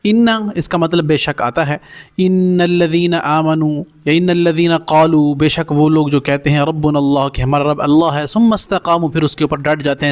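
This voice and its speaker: A man teaching Quranic Arabic in a recorded lesson, saying Arabic phrases slowly and then explaining them in plain terms. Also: on the high side.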